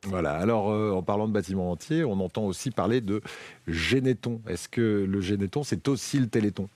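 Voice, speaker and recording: A man hosting a chatty broadcast interview, with halting phrasing and lots of filled pauses. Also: lowish voice, a little mellow, no room sound. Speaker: broadcast show host interviewing a guest.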